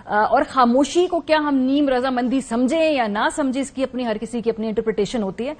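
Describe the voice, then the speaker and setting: A woman speaking as an analyst in a TV studio. She has a high voice and a pointed, analytical manner. She presses the guest with sharp questions. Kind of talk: TV talk-show analysis.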